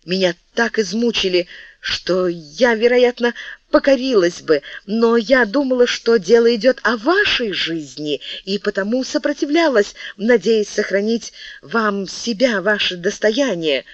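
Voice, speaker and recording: A woman's voice: deep voice, animated, slow, fairly bright tone, no room sound, dull audio, heavily acted. Reader voicing Maria Mancini, a passionate young woman. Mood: impassioned pleading. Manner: impassioned, pleading, rising to exclamations. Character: young woman, passionate, pleading royal sweetheart.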